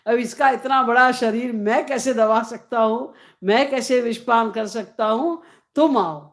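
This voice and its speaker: Woman doing an infant god, calm, matter-of-fact, slow, slightly high. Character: infant god speaking calmly to an ally.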